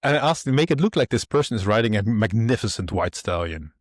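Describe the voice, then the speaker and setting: A man with a low voice co-hosts a relaxed tech podcast. He explains in a loose, rambling way with many fillers. The sound is dry and close to the mic. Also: fast talker, no echo. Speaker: podcast co-host. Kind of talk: casual tech podcast chat.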